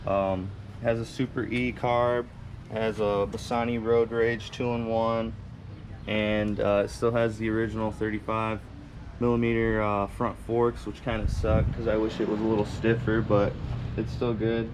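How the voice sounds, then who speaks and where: Low-key man with fairly even pitch. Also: a little hiss or hum. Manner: plain-spoken, halting. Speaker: motorcycle owner. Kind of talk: casual walkaround talk.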